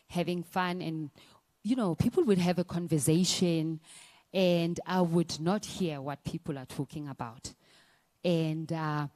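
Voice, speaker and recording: A woman's voice: on the low side, warm tone. A woman, a singer giving a personal testimony talk at a conference, hesitant, with many fillers and restarts. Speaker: singer and performer sharing her story.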